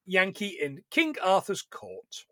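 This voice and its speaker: A man's voice: sits high, slow pace, no room sound, studio quality. A man co-hosting a casual chat, recapping a film with lots of laughter and swearing. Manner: animated, sweary, laughs a lot. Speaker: podcast co-host recapping a film.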